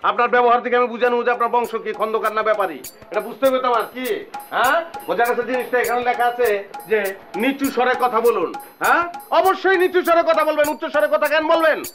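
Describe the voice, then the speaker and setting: A pompous know-it-all teacher. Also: male voice, very high voice, fairly quick, a bit bright, soft background music. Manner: pompous, lecturing, keeps asking "understood?". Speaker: self-styled teacher lecturing at a tea stall. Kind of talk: TV comedy drama acting.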